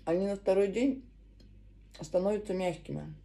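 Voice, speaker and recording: A woman's voice: mid-range voice, vocal fry, warm tone. Woman talking with her mouth full. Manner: slow, savoring, murmuring between bites. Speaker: mukbang vlogger. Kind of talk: casual eating vlog.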